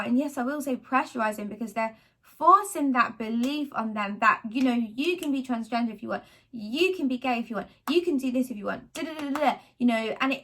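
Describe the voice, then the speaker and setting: A woman in her thirties speaks with a slightly high voice, chatting to camera about faith. She rambles and circles back, fills gaps with little "da, da, da" sounds, and stays animated throughout. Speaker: vlogger sharing faith testimony. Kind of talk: casual talk to camera.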